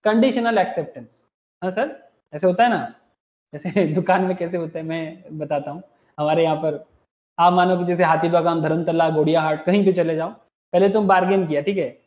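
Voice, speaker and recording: Male teacher, lecturing and quizzing students, echoey classroom. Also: high-pitched. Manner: mixes Hindi and English, keeps asking students questions. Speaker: commerce teacher. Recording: echoey room, muffled lo-fi sound.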